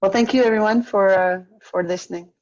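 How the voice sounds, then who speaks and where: A woman's voice: medium pitch, fairly even intonation, brisk, a little mellow, highs cut off. A woman professor explaining informally and a little hesitantly in an online lecture over a video call. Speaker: professor speaker.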